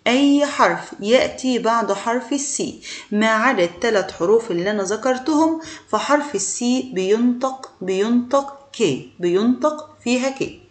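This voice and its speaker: A patient woman with an Egyptian Arabic accent gives a beginner English lesson and repeats every example word slowly. Her voice sits a little high. The room around her sounds echoey. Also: lively intonation. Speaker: English teacher.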